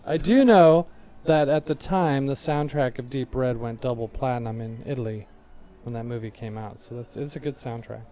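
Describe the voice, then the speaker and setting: A man's voice: mid-range voice, moderate pace, warm tone. A man in his forties co-hosting a podcast in casual chat, laid-back and trailing off with fillers. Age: 40s. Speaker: podcast co-host.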